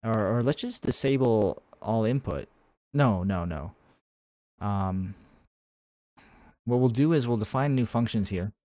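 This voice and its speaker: Here a man with a low, mellow voice speaks unhurriedly and pauses often, recorded with no echo. While streaming his game development, he thinks aloud casually, restarting and using fillers, and replies to chat between coding steps.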